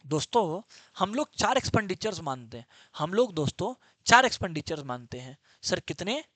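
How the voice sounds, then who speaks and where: A man's voice: fairly high pitch, sing-song, brisk, a bit bright, no echo. A man teaching an exam-prep lecture, emphatic and drilling terms over and over. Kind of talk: online lecture.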